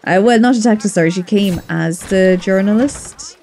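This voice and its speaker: A chatty woman talking through a video game as she plays it, reacting aloud with plenty of giggles. Her voice is mellow and warm. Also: medium pitch, normal speed, a little hiss or hum. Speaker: let's play gamer. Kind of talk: casual gameplay commentary.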